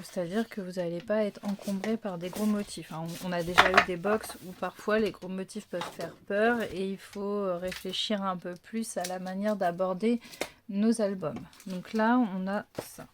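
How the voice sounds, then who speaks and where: A woman's voice: medium pitch, noisy background. A woman hosting a casual craft unboxing video, thinking aloud with lots of fillers and apologetic self-corrections.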